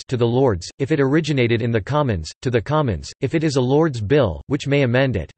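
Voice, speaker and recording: A synthetic male voice reading an encyclopedia article in a steady, even manner. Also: mid-range voice, dry recording. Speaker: text-to-speech reader.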